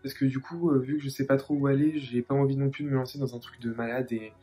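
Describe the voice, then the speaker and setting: A man's voice: medium pitch, flat delivery, fast, dark tone, soft background music. A man with a French accent hosting a makeup video, talking in a theatrical, self-mocking way. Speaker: makeup vlogger. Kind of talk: casual makeup tutorial chat.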